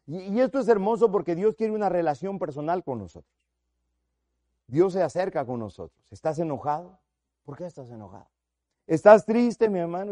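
A middle-aged man preaching a sermon, earnest, calling listeners "my brother", swelling loud for emphasis and dropping to a soft low voice. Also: no echo. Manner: earnest, addresses listeners as "mi hermano".

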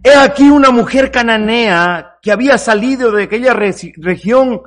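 High-voiced impassioned male preacher. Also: a bit bright. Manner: impassioned, swings from low murmurs to drawn-out cries; repeats phrases for emphasis. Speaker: pastor. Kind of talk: sermon.

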